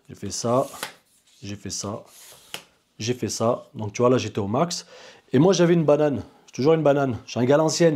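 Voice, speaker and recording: A man's voice: medium pitch, warm tone, breathy edge. A man casually reviewing camera gear in a vlog, chatty and informal, talking straight to the viewer. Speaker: video maker reviewing gear.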